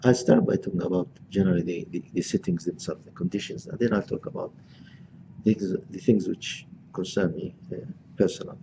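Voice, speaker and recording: Deep gravelly older man lecturing. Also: highs cut off, background noise. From Gaza, Palestine. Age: 60s. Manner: halting, many restarts and fillers. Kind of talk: reflective personal lecture.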